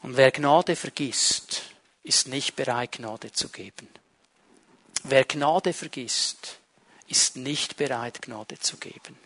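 A man preaching a sermon, retelling a parable with dramatic emphasis, repeating phrases and addressing listeners directly, dropping low and quiet for key points. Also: slow, dry recording.

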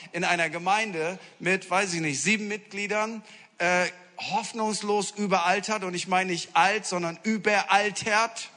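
A man's voice: sits high, pushed and bright, in a large hall. A male preacher giving a sermon, telling funny stories to his congregation. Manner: humorous anecdotal storytelling to a congregation.

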